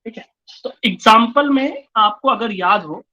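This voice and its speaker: A man's voice: extremely high pitch, expressive, a little slow, sharp tone, rough recording. A male physics teacher giving an online class lecture, explaining step by step and mixing Hindi and English.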